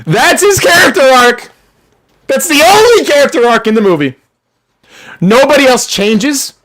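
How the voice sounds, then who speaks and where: A young adult live streamer ranting with heavy swearing and sudden shouts, then reading chat, voice wearing out. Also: sits high, normal speed. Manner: profane, animated ranting, bursts into shouting. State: losing voice.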